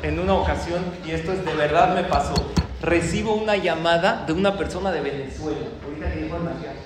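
Rabbi guy telling jokes, high voice, big echoey hall, crowd around. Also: quick pace. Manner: chuckles at his own punchlines. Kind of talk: joke-telling talk before a live audience.

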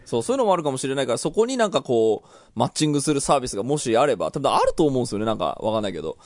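A man's voice: medium pitch, big pitch swings, racing, a little mellow, no echo, studio quality. A man co-hosting a radio show, talking conversationally in loosely polite speech and reading out listener mail.

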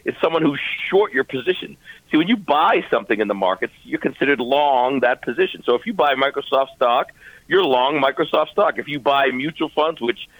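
A man's voice: mid-range voice, a bit bright, dry recording, poor audio. A man co-hosting talk radio with explanatory, conversational commentary. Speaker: radio co-host.

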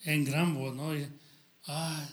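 Man preaching, high voice, slow delivery, halting scripture reading, loud bursts of praise. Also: animated. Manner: halting, stumbles while reading aloud; addresses listeners as brother.

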